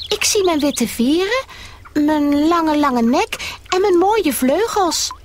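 A woman voicing a naive, eager little female goose in a children's storybook, squeaky and pleading. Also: lively intonation, slow pace, noisy background. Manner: squeaky, wide-eyed and pleading.

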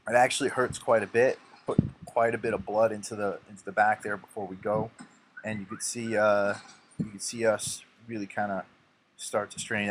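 A man's voice: lowish voice, slight background noise. A young man casually narrating his own workout, giving instructive tips with a self-mocking streak.

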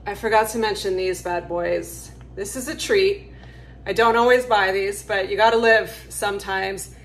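A woman's voice: medium pitch, fairly even intonation, normal speed, low-quality recording. A woman chatting casually and upbeat to camera in a lifestyle vlog, with frequent "like" fillers, filmed at home and out on her porch. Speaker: lifestyle vlogger. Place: home kitchen and outdoor porch.

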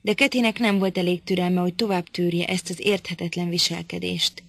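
A woman's voice: lowish voice, flat delivery, vocal fry, a bit bright, no echo. Woman narrating a literary audiobook.

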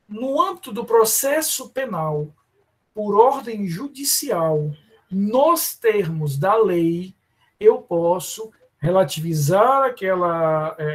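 A man with a Brazilian accent teaching a live online law class, often calling students by name and slowing down to stress terms. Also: sits high. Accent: Brazilian Portuguese. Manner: addresses students by name, many fillers and restarts. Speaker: law professor.

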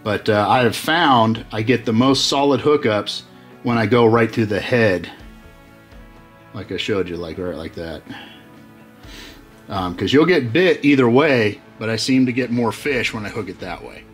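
A middle-aged man with a fairly low voice speaks a bit slowly as he casually demonstrates how he rigs baits for his fishing channel. Soft music plays, and his relaxed delivery has many fillers and restarts, recorded in a workshop with tackle-covered walls.

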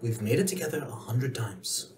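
Male game master, animated pitch, a bit far from the mic, faint noise behind. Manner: loose, halting delivery with fillers. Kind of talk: narrating a tabletop game.

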